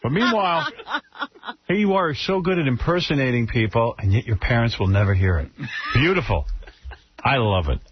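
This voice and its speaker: A man's voice: mid-range voice, lively intonation, moderate pace, long pauses, lo-fi sound, slight background noise. A male radio host in his studio, trading crude, joking banter with his co-host and a guest.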